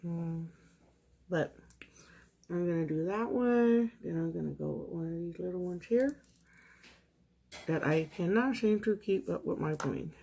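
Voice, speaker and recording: A woman vlogging at home, chatting in a relaxed way as she works on her nails. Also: lowish voice, a little slow, vocal fry, long pauses, husky. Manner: relaxed, chatty, talks while working. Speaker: nail art vlogger. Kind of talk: casual tutorial chat.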